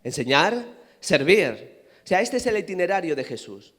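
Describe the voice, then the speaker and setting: Spanish pastor preaching, kinda high voice, big echoey church hall, gets loud and asks the crowd stuff. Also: male voice, sing-song, moderate pace. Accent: Spanish from Spain. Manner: dynamic preaching, rising to loud emphatic peaks and asking the congregation questions. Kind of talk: sermon. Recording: reverberant hall.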